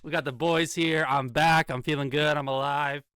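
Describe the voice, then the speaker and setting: Hype young podcast host guy, bright crisp voice, dry close mic. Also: fairly high pitch, fairly even intonation, normal speed, dry recording. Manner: upbeat, hype intros. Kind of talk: casual podcast chat.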